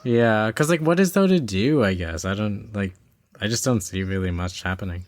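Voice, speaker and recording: A man's voice: fairly low pitch, moderate pace. A man co-hosting a casual chat, laid-back and full of hedges. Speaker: podcast co-host.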